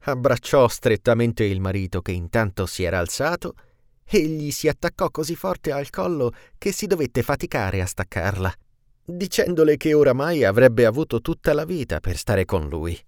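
A man reading a classic tale aloud with an expressive storytelling delivery. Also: mid-range voice, moderate pace, no echo, clean studio sound.

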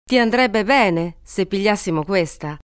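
A woman's voice: mid-range voice, expressive, measured pace, clean tone, no room sound, studio quality, natural voice. A woman playing a kindly, childless peasant wife who soothes and coaxes a crying girl in an audiobook. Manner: soothing, coaxing.

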